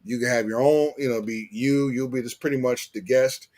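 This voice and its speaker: A man's voice: medium pitch, steady tone, moderate pace, darkish tone. An American man hosting a casual live chat, slangy and fond of repeating phrases for emphasis. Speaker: live stream host.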